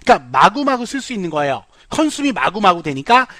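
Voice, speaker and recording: A man teaching English vocabulary in a lively lecture, playful and full of puns. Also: sits high, quick pace, no echo. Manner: animated, playful, jokes and puns, addresses viewers as 여러분.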